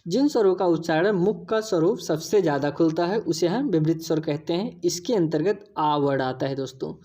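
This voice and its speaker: Mellow-voiced woman teaching a lesson. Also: sits low, fairly quick. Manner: explains patiently, repeats key points, addresses viewers as friends. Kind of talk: exam-prep lesson.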